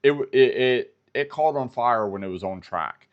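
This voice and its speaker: A man's voice: medium pitch, moderate pace, dull audio. American man telling a car story. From United States. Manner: storytelling, repeats himself. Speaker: vlogger. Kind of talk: live-stream commentary.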